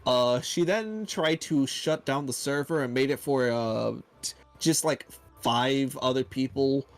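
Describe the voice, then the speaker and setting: A man's voice: medium pitch, a little slow, soft background music. A man playing a video game on a friend's stream, chatting casually and telling rambling stories. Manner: rambling storyteller. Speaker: guest player. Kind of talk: casual let's-play chat.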